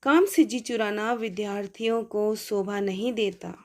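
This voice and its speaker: A woman with an Indian accent teaching spoken English, reading English sentences slowly and explaining them in Hindi. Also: mid-range voice, a little mellow.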